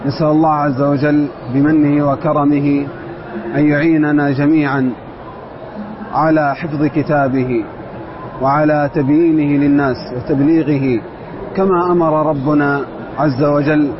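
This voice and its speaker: A man's voice: a little high, level tone, normal speed. Earnest male student over outdoor noise. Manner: earnest, devout speech. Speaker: student of Quran recitation. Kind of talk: personal testimony. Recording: dull audio with loud outdoor ambience.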